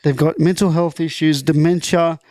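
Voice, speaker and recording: A young Australian man co-hosting a podcast, telling stories in animated, swear-heavy casual chat. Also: on the high side, normal speed, no echo, studio quality. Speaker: podcast co-host.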